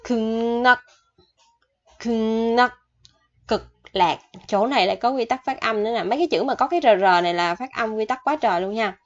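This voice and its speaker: A woman teaching a vocabulary lesson, repeating each word slowly and then explaining it in a chatty way. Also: on the high side, animated. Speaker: Korean language teacher. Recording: dull lo-fi recording.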